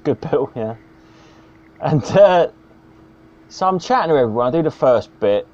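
A man's voice: a little high, animated, normal speed, a crowd in the background. A man, a stand-up comedian telling a sweary, rambling anecdote on a podcast. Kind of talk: casual storytelling. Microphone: video call. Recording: dull lo-fi video call audio.

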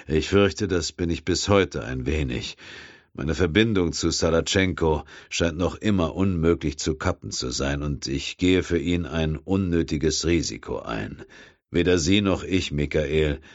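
A man voicing a calm, coldly polite male villain in an audiobook, speaking slowly and measured. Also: rumbling low, no echo, lo-fi sound. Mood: coolly menacing.

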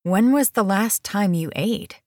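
A woman's voice: medium pitch, animated, a little slow, darkish tone, no room sound, studio quality, voice pushed up, close to an everyday voice. A woman voicing a blunt, caring young woman who talks firmly and directly. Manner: firm and direct.

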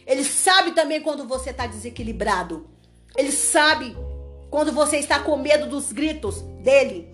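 A woman delivers a fervent sermon, driving her points home through repetition and sharp commands. Her voice sits a little high. Faint instrumental music plays underneath. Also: animated, moderate pace. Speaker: preacher.

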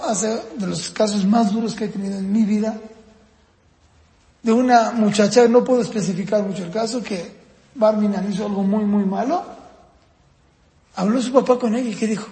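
A man leads a parenting class, telling stories and asking his listeners questions. His voice sits very high. It rings out with the echo and long reverb of a large hall. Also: normal speed, pauses often. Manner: animated storytelling with questions to the audience. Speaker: parenting course instructor. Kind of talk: lecture to parents.

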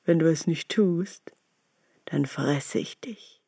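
A woman voicing a sly, deceitful male wolf who talks slowly in a wheedling tone. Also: mid-range voice, warm tone, dry recording, clean studio sound. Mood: menacing. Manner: slow, drawn-out, wheedling. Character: sly big bad male wolf, disguising himself.

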